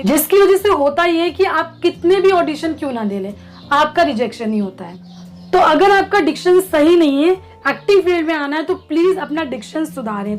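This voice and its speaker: A woman casting director giving clear, patient tips to aspiring actors in an instructional vlog. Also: sits high.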